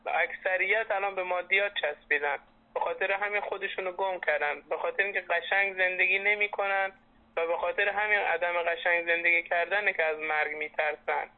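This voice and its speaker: Over a muffled landline, a man in his late twenties, a former patient being interviewed, speaks earnestly and reflectively on the phone. His voice is high-pitched with fairly even intonation.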